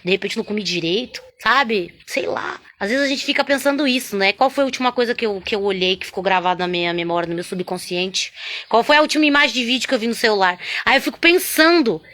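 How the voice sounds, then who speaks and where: A woman sharing a spoken religious testimony, chatty and animated, constantly tagging her sentences with little questions to the listener. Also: fairly high pitch, quick pace. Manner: chatty, constant "né?" and "sabe?" tags; animated, swings between loud and hushed.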